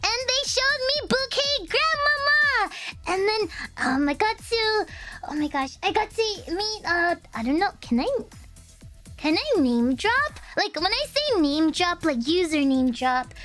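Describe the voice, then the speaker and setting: A woman's voice: extremely high pitch, very animated, unhurried, sharp tone, faint music behind. A young woman VTuber streamer chatting casually with her viewers in a bubbly, rambling way, full of fillers. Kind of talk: casual livestream chat.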